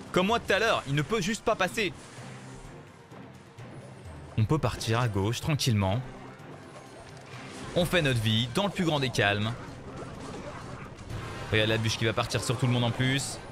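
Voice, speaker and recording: A man giving casual, joking live commentary on his card game matches and talking straight to his viewers. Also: medium pitch. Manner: animated, joking, repeats himself, addresses viewers as "les gars". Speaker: streamer playing a mobile card game. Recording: game music playing faintly behind.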